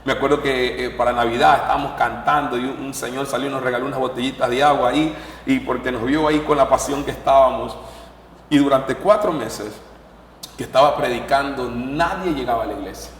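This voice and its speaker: A man, a pastor giving an animated testimony in an interview and acting out the voices of the people in his story. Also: medium pitch, brisk, reverberant, in a large hall, recorded from a distance, a little hiss or hum.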